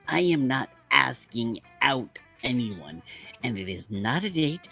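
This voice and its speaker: A man's voice: mid-range voice, big pitch swings, slow pace, vocal fry, pushed and bright, soft background music, exaggerated voice. A man voicing a pretentious, dry young man who talks in formal, pompous wording. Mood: dismissive.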